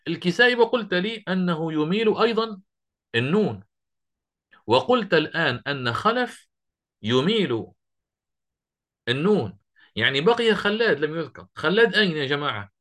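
A middle-aged man teaching Quran recitation to a class, quizzing students and slowly quoting verse lines. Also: on the high side, big pitch swings, a bit bright. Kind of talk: classroom lesson.

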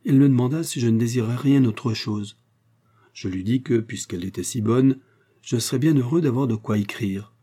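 A man narrating a literary audiobook in a measured, steady storytelling manner. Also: lowish voice, husky.

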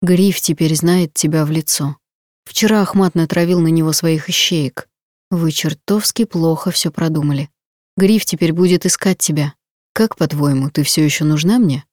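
A woman's voice: sits low, normal speed, no room sound, clean studio sound, close to an everyday voice. A woman voicing a stern, cruel male mafia boss who talks in a cold, threatening way. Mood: menacing. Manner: threatening, cold, then soft and quiet.

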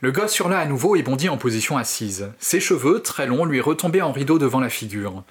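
A man and host narrating a horror short story in an expressive, theatrical way. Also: medium pitch, fairly quick, breathy edge. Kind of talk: dramatic reading of a horror story.

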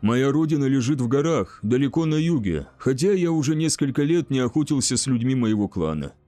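A man voicing a bold young barbarian swordsman in an audiobook, gruff and wry. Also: mid-range voice, big pitch swings, fairly quick, dark tone, dry recording, faint music behind, close to an everyday voice. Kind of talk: audiobook character voice.

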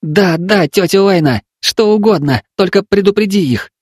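Guy putting on a high little village boy, scared and begging, close to crying, storybook voice. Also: moderate pace, dry recording, close to an everyday voice. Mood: insistent. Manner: pleading, near tears. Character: young village boy, frightened and stubborn.

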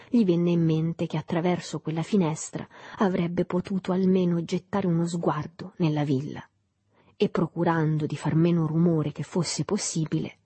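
Husky low-voiced woman reading a novel. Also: mellow, no room sound. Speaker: audiobook reader. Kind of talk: literary audiobook narration.

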